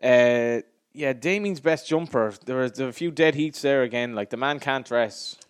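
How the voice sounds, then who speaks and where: A man with a west of Ireland accent hosting a podcast in casual, animated, slangy and sweary banter. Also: mid-range voice, normal speed, clean tone. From Galway, west of Ireland. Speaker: podcast host.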